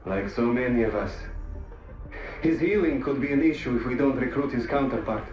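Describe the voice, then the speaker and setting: A man's voice: medium pitch, moderate pace, highs cut off, lightly acted. Casting: man as businesslike game operative, probing, distant echoey sound over music. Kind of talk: scripted video game drama.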